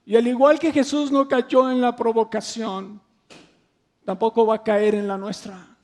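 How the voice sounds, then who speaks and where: A man's voice: extremely high pitch, level tone, a little slow, a little mellow. A man preaching a sermon with impassioned, emphatic swells and rhetorical questions to the congregation.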